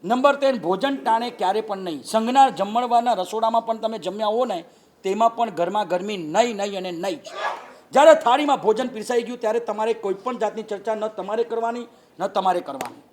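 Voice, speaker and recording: Very high-voiced Gujarati monk preaching. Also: male voice, a little fast, slight background noise. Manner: animated, acts out quoted people with raised voice. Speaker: Jain monk giving a discourse. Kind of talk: humorous sermon.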